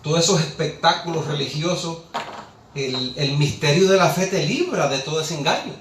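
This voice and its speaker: A man's voice: a little high, animated, normal speed, a bit bright, slight background noise. A man preaching a sermon, impassioned, rhetorical and scolding. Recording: echoey room, distant mic, faint ambience.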